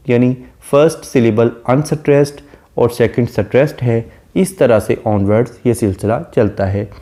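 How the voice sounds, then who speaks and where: Mellow-voiced man lecturing on poetry. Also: mid-range voice. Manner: reads quoted verse slowly, explains at an even teaching pace. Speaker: literature lecturer. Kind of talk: lecture explaining a poem.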